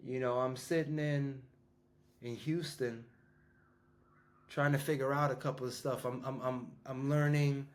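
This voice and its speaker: This mid-range, steady male voice belongs to a New Yorker in his fifties, a business coach and school founder. He speaks to his audience casually and unhurriedly, pausing often and rambling with plenty of restarts and fillers.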